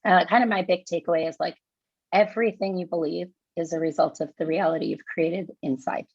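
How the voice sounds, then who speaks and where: A woman guest in a casual podcast chat, chatty, filling with "like" and quick to laugh. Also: fairly low pitch, fairly even intonation, vocal fry, darkish tone, breathy edge, no room sound, lo-fi sound. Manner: chatty, lots of fillers, laughs easily. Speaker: guest, dance studio owner.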